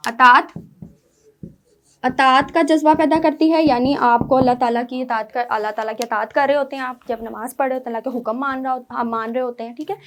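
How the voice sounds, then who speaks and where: A woman teacher, giving an online lecture to schoolchildren, explaining step by step and often checking with "right?". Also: sits high.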